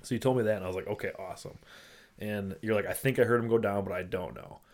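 A man's voice: lowish voice, fast, darkish tone. A man from Michigan co-hosting the show, reacting eagerly and replaying his side of the conversation. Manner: reactive, enthusiastic, quotes himself. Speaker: co-host. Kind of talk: casual conversational chat.

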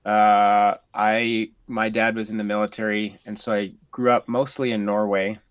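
A man who runs a bison ranch, a podcast guest who speaks in a halting way with many pauses. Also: on the low side, flat delivery, clear, resonant tone, no echo, highs cut off. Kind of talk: casual podcast interview.

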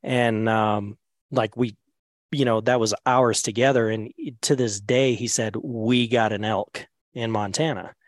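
A man casually telling a hunting story in a podcast, animated and laughing often, with many fillers. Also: lowish voice, measured pace, no room sound.

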